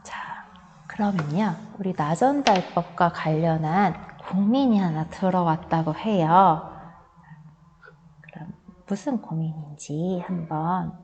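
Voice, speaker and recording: A woman's voice: on the low side, takes it slowly, darkish tone, in a large hall, highs cut off, slight background noise. A woman teacher giving a recorded online class, explaining step by step and acting out example lines.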